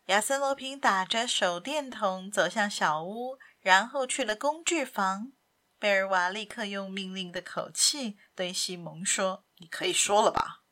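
A woman narrating a story in a measured, expressive reading style. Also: mid-range voice. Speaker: storyteller podcast host. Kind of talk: scripted audiobook narration.

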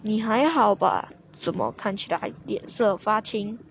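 A woman's voice: medium pitch, expressive, unhurried, lo-fi sound, slight background noise. Woman doing a kindly old grandfather. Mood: earnest.

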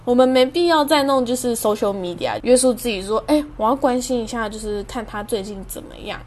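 A woman's voice: fairly high pitch, fairly quick, a little mellow, slight background noise. A young woman, hosting a podcast and telling a story in a chatty, self-amused way. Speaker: podcast host. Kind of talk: casual storytelling monologue.

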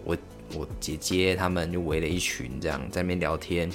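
Young man, Taiwanese Mandarin accent, very low voice, halting casual podcast chat, lots of fillers. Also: steady tone, faint music behind. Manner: halting, full of fillers and restarts. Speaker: podcast host. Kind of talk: casual solo storytelling.

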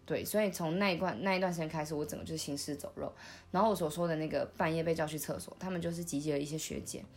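A young woman, recalling her past in a soft, halting way, with many restarts, as she hosts a podcast. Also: deep voice, fairly even intonation. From Taiwan. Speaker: podcast host. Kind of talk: intimate conversational storytelling.

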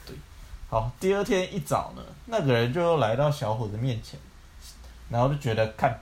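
A young man tells a fairy tale casually at a middling pitch. He keeps breaking off to joke and swear about the plot, with a loose, offhand delivery. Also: lively intonation, moderate pace. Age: young adult. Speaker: storyteller, podcast co-host. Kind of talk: casual bedtime storytelling with jokey asides.

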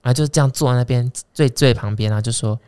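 A man in his thirties from Taiwan, hosting a casual chat podcast and telling stories in an animated way. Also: mid-range voice, smooth. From Kaohsiung, Taiwan. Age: 30s. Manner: animated, quick storyteller. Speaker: podcast host.

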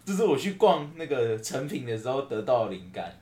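A man's voice: mid-range voice, big pitch swings, fairly quick, warm tone. A young man in his late teens with a Taiwanese Mandarin accent, co-hosting a podcast in casual chat, teasing, swearing freely and laughing often. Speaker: podcast co-host. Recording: echoey room.

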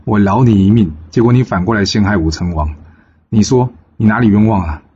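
A man voicing a shrewd, good-humored older strategist in a storybook tale, calm and knowing. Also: fairly low pitch, fairly quick, lo-fi sound, a little hiss or hum, close to an everyday voice.

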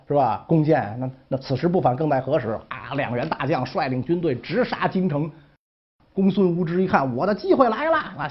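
A man's voice: a little high, husky, dull audio. A man telling history stories in a colloquial, joking way, often asking 'right?'. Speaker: history storyteller. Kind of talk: casual storytelling.

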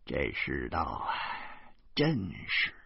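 A rueful old woman clucks and laments, as a male narrator puts her on. Her voice is soft and husky, with wide pitch swings, in a dry, slightly dull recording. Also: wildly swooping pitch, slow pace, no echo, full character voice. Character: sighing old woman bystander.

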